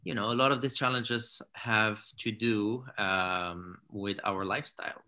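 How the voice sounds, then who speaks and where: A man in his thirties from Morocco, a founder talking in a casual interview over a video call from his living room, halting with many fillers and restarts. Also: fairly low pitch, steady tone, pushed and bright. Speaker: founder and CEO, guest. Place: home living room with large window. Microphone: laptop or webcam on a video call.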